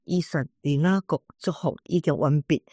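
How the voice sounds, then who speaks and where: Scripture reading aloud, measured recitation, even middle pitch, dry close recording. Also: breathy edge, dry recording. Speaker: scripture reader.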